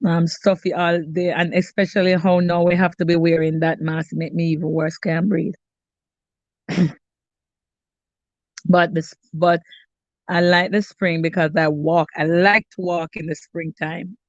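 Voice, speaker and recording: The host of this cooking live stream is a middle-aged Jamaican woman with a lowish voice who chats casually with viewers by name. Congested and stuffy, she tends to restart her sentences. The recording is muffled, with no room sound.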